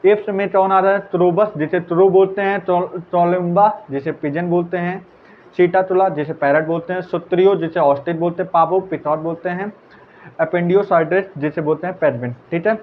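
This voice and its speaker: A man teaching biology as a quick revision lecture, repeating answers and chatting casually with students. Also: high voice, steady tone. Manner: casual, repeats answers, calls listeners brother. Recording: tinny phone-like audio, faint hiss.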